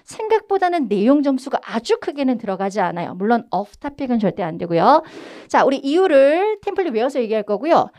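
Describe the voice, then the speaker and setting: A young woman teaching English speaking for a test, energetic and stressing words hard when she models phrases. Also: high-pitched, brisk, hardly any pauses. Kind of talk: online lecture.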